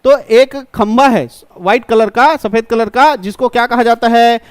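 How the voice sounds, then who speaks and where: A man teaches an exam-prep class. He poses each question and answers it himself, repeating key terms slowly. His voice is high, smooth and resonant, and the recording is dry and close. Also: no room sound.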